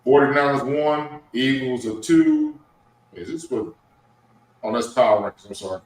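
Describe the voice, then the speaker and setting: A man's voice: mid-range voice, very animated, moderate pace. A man co-hosting a podcast, chatting about sports, reading out lists and mumbling his asides. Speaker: podcast co-host. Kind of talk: casual sports chat. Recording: roomy echo.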